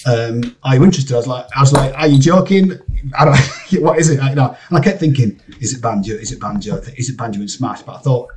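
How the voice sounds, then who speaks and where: A Scottish man, a game composer, chatting in an interview, excitable and rambling with many restarts. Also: mid-range voice, fast, a little hiss or hum. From Scotland. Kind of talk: casual interview chat. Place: home studio area, lives in LA.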